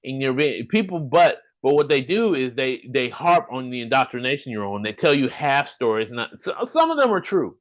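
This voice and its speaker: A man's voice: mid-range voice, big pitch swings, moderate pace, hardly any pauses, dull audio. A man in his fifties from Alabama with a Southern accent, talking earnestly and rambling a little as a podcast host over a video call. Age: 50s. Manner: earnest, rambling, restarts sentences.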